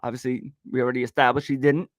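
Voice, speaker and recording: Brief: male podcast host, casual profane storytelling, mid-pitch, dry close sound. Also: level tone, fast talker, no room sound. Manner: profane, rambling, laughs often.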